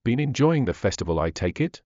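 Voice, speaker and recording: A man voicing an elderly grandmother who keeps a tribe's records, brisk and chiding in a dry manner. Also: medium pitch, big pitch swings, darkish tone, no echo, lo-fi sound.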